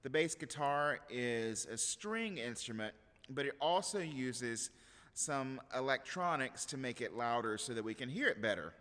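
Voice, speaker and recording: A man teaching a children's Sunday school lesson in a church, explaining patiently and clearly to kids. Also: medium pitch, lively intonation, measured pace, sharp tone. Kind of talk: kid-friendly lesson talk. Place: large church sanctuary. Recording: echoey hall, recorded from far off.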